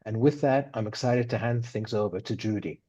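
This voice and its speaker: A man gives a polished, upbeat opening for a campaign before introducing himself. His voice is mellow, and the recording sounds dull and low-fidelity. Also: brisk. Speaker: campaign organizer.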